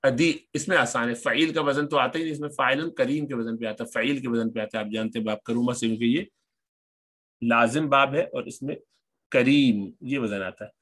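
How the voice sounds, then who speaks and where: A man's voice: medium pitch, a bit bright. Man patiently teaching Arabic grammar. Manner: patient, repeats each form slowly while explaining. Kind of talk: recorded lesson explaining grammar.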